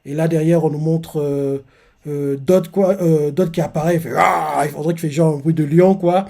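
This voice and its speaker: A man with a voice pitched a little high walks through a manga chapter live, panel by panel. He keeps stopping with "euh" between lines and reads the characters' lines in passing. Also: steady tone, normal speed, vocal fry, dark tone. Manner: hesitant, full of "euh", narrating panel by panel. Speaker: manga reaction youtuber.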